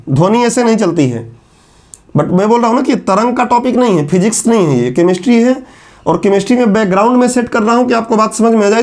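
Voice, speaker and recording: A man with a very high voice gives a classroom lecture. He asks his students questions and then answers them himself. He slows down to repeat the key terms. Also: darkish tone. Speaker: teacher.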